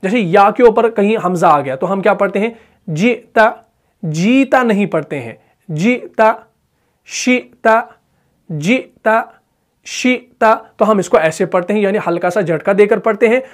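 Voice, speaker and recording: High-voiced man teaching recitation. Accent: Pakistani Urdu. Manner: asks questions then answers them, drawn-out example recitations. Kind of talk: tajweed lesson.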